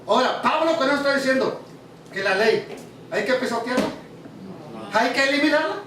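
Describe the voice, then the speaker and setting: A man's voice: extremely high pitch, lively intonation, fairly quick, background noise. A man teaching a sermon to a congregation, often asking the audience questions. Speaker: preacher. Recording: very echoey hall, mic far off.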